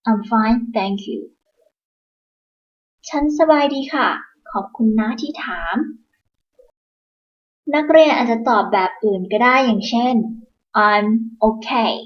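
A woman teaching beginners in a patient, instructional manner, repeating each phrase slowly. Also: fairly high pitch, dull audio. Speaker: English teacher. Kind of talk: slow instructional explanation.

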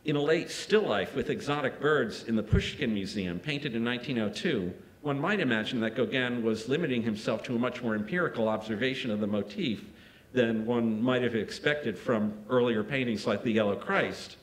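A man's voice: mid-range voice, poor audio. Man reading an art-history lecture. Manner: measured, with small restarts and asides. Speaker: art critic giving a museum lecture. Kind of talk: reading a prepared lecture aloud. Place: museum lecture hall.

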